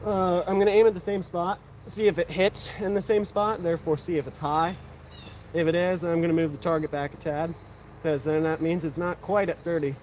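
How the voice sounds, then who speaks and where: The audio is poor, with faint outdoor noise, as an eighteen-year-old Pennsylvania-accented man livestreams archery for his outdoors channel and casually answers viewers. His fairly high voice is steady in tone, brisk and a little mellow.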